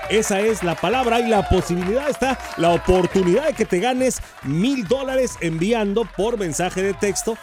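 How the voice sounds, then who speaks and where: A man hosting a morning radio show, with energetic, sing-song announcing. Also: sits high, normal speed, few pauses, crowd noise. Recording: radio broadcast with music behind.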